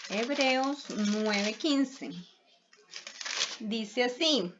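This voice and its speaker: A woman preaching a sermon with earnest rhetorical questions, her voice dropping soft and low for spoken prayers. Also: background noise. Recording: dull lo-fi recording.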